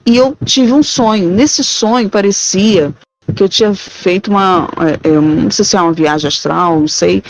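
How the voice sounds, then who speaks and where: A woman's voice: medium pitch, moderate pace, dry recording, poor audio. A middle-aged Brazilian woman with a Brazilian Portuguese accent recounting a haunting experience in the first person, hesitant and searching for words. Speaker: caller sharing a haunting account. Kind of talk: first-person ghost story telling.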